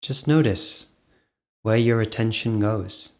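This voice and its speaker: Here a man with a fairly low voice improvises a guided meditation. He speaks very slowly in short phrases, letting soft pauses fall between them.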